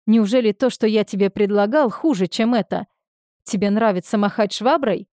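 A woman's voice: mid-range voice, normal speed, dark tone, dry recording, studio quality, close to an everyday voice. A woman voicing a domineering angry young man. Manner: curt, commanding, barking.

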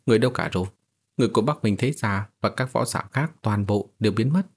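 Male narrator doing a startled young cultivator, anxious questions, husky low voice. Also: fast. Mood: alarmed. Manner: alarmed, questioning.

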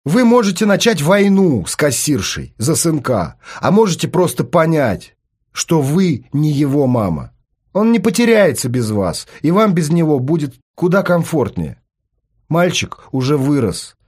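A man reading an audiobook, voicing a bold, provocative male psychologist who speaks low and insistently. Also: sing-song, unhurried, darkish tone, breathy edge, heavily acted. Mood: explaining.

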